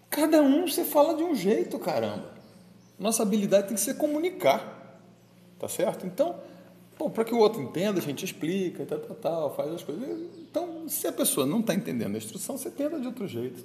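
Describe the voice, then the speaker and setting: A pastor gives an informal daily homily, chatting conversationally and playfully with the listeners around him. His voice is fairly high-pitched and warm, recorded in an echoey room with faint ambient noise.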